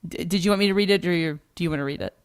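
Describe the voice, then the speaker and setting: Chatty woman co-hosting a livestream, smooth voice. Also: lowish voice, racing, no room sound, studio quality. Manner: chatty, thanks viewers, reads donations aloud. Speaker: co-host of a precious metals livestream. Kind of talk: casual livestream chat.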